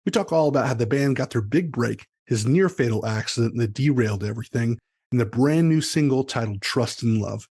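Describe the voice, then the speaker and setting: An upbeat podcast host switches between show introductions and casual interview chat, sounding friendly and promotional. His middling-pitched voice is husky and darkish, and he talks fairly quickly with few pauses.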